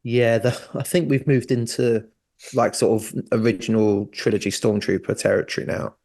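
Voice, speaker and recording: A man's voice: mid-range voice, steady tone, normal speed, creaky, darkish tone. A man co-hosting a podcast in a casual, jokey way, laughing often. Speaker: podcast co-host. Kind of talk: casual chat.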